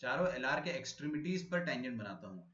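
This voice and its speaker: A man's voice: mid-range voice, lively intonation, sharp tone. Man teaching a live maths class. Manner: explains slowly, checks students understand. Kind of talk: live online lecture. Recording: echoey room, dull lo-fi audio.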